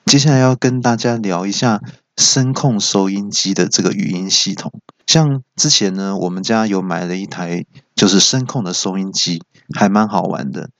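A man's voice: low-pitched, normal speed, fairly bright tone, dry recording. A man hosting a comedy podcast, telling stories animatedly with stammering restarts. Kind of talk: comic storytelling. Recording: dry, dull lo-fi.

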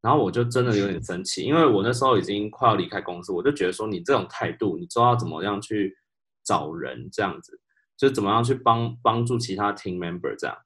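A man co-hosting a podcast, telling work stories in a casual chat. He is animated, laughs often and drops English words into his speech. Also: lowish voice, fast talker. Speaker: podcast co-host.

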